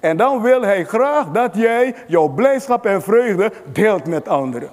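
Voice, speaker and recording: A man preaches with rising fervor, calling out to the congregation for amens. His voice sits very high. The sound carries a long reverb, as in a large hall. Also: lively intonation, measured pace. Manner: fervent, rises to shouting at climaxes. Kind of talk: sermon.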